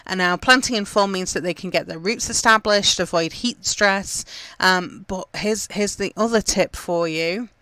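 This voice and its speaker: A woman's voice: mid-range voice, normal speed, bright, forceful tone, no echo. A woman from England hosting a gardening podcast, chatting casually with lots of fillers as she gives upbeat tips. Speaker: podcast host.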